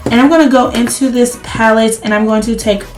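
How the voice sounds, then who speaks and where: Her voice is on the high side, steady in tone and brisk, with faint music playing behind. A woman beauty vlogger, under the weather and a bit crackly as her voice goes, chats to viewers directly while doing a makeup tutorial.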